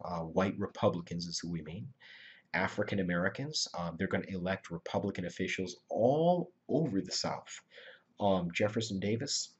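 A man's voice: sits low, husky, lo-fi sound. A male history teacher giving a conversational classroom lecture, often checking in with "right?" and restarting his sentences.

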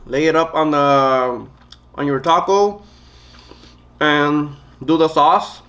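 A man hosting an eating vlog, chatting casually and telling stories with lively quoted voices between bites. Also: on the high side, slow pace. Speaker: mukbang host.

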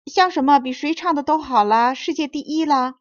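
A woman's voice: high-pitched, brisk, no echo, lo-fi sound, voice pushed up, close to an everyday voice. A woman voicing a small, proud crab leader who boasts and chatters eagerly. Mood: boastful.

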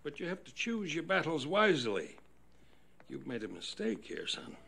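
Gravelly, stern old gentleman. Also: on the high side, big pitch swings, heavily acted. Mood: stern reproach. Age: older. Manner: measured, reproachful. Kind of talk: period film drama. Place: indoor room.

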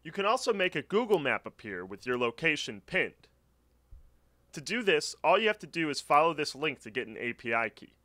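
Fairly quick, pushed and bright, this high-leaning male voice swings widely in pitch. He is the narrator of a scripted walkthrough showing website setup on screen, explaining each step clearly.

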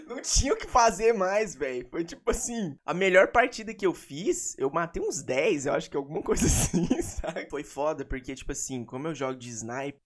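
Um jovem de Goiás com sotaque goiano, contando uma partida de jogo em tom de vlog descontraído, cheio de gíria e risadas. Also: male voice, on the high side. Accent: Goiás Brazilian Portuguese. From Goiás, Brazil. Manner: slangy, laughing, animated retelling. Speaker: gaming YouTuber. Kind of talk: casual vlog storytelling.

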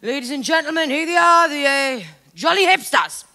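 A woman's voice: high-pitched, expressive, moderate pace, bright, forceful tone, full character voice. A woman on stage playing a bossy, dry club official in a comedy. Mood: officious. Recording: live theatre stage performance.

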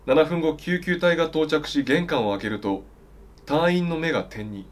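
A man's voice: on the high side, moderate pace. Straight-faced young male newscaster. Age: young adult. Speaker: comedy newscaster. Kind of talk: formal scripted news reading.

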